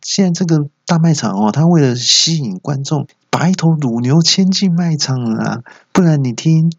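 A man's voice: a little high, expressive, normal speed, husky, dry recording, dull audio, voice pushed up. A man doing a flustered lying husband. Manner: flustered, stammering excuses. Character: flustered cheating husband, about fifty, lying.

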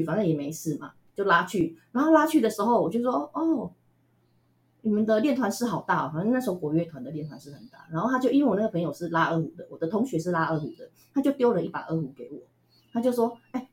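A woman from Taiwan with a Taiwanese Mandarin accent, telling stories as an interview guest in a chatty, animated way with frequent laughs. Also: medium pitch. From Tainan, Taiwan. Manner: chatty, animated, laughs often, many fillers. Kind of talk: casual storytelling interview.

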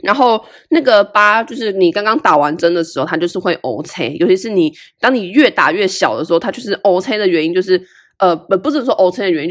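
A young woman, hosting a podcast and telling a personal story in a candid, casual way. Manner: candid and animated, with big swings in pitch. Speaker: podcast host.

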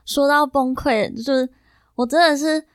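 A young woman in her twenties with a Taiwanese Mandarin accent, a podcast guest telling a story in an animated, rambling way full of fillers. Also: sits high, moderate pace, dry recording, studio quality. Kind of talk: casual chat, storytelling.

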